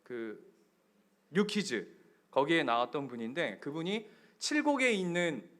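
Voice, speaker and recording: A male pastor preaching a sermon, telling stories and acting out quotes, building up to loud passages. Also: on the high side. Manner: storytelling, acting out quotes, rising to shouts.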